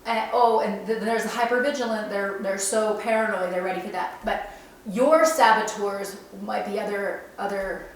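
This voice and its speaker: A woman hosts a self-help show in an earnest, reflective way. She acts out her inner voices in quick little quotes. Her voice rings around a very echoey room and is picked up from a distance, with a faint hiss behind it. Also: mid-range voice. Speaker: self-help podcast host. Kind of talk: casual reflective monologue.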